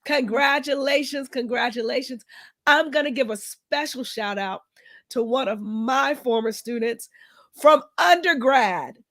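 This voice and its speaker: A woman hosting a podcast as a doctoral coach, talking casually and enthusiastically in a tired, raspy voice. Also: on the high side, expressive, a little slow, no room sound. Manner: enthusiastic, warmly encouraging.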